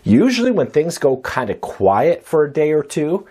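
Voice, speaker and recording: Husky man hosting a news roundup. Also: fairly high pitch, very animated, mellow. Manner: brisk, conversational delivery with rising emphasis. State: weak post-cold voice. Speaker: host.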